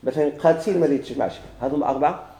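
Fast-talking Moroccan man teaching grammar. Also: a little high, mellow, reverberant. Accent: Moroccan Arabic. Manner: questions himself and answers, repeating examples. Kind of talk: classroom grammar lesson.

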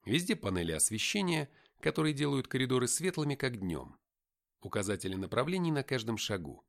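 A man's voice: medium pitch, big pitch swings, a little fast, vocal fry. A man reading a first-person audiobook narration expressively.

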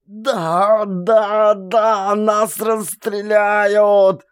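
A man reading an audiobook, voicing a terrified, tearful soldier in a shrill, drawn-out wail. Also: little pitch movement, bright, forceful tone, clean tone, no room sound, studio quality, exaggerated voice. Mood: panicky wailing. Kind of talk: audiobook character voice.

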